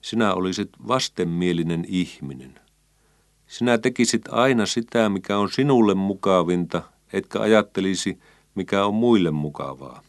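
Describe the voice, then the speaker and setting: A man's voice: deep voice, lively intonation, dry recording, studio quality. A man voicing a stern, serious father who lectures his son in a children's story. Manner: stern, deliberate.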